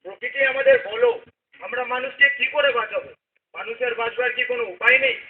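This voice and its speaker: A man acts out a bewildered traveler in a stage play, talking fast in a very high voice and asking one question after another. The sound is echoey, with an audience audible in the hall. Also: sing-song, phone-quality sound, crowd noise. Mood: puzzled. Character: puzzled, curious male traveler.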